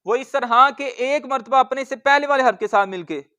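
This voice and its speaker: A man with a very high, crisp and ringing voice leads a word-by-word tajweed lesson. He patiently explains each rule, then sounds out the letters and words slowly, repeating them for the learner. The tone stays bright and sharp throughout. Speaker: Quran reading teacher.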